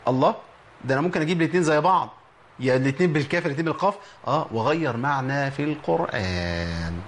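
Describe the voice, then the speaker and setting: A man with an Egyptian Arabic accent teaching Quran letter pronunciation, slowly drawing out example words between lively explanations. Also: fairly high pitch, a little hiss or hum. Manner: slow drawn-out demonstration of words, lively explanatory talk.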